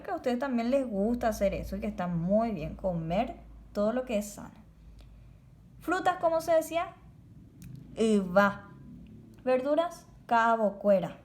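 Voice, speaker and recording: A woman teaches young pupils in a slightly high voice. She moves at an unhurried pace and sounds out each word with care. Her words come clearly and often repeat, so the children can copy them. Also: a little mellow. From Paraguay. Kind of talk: children's language lesson.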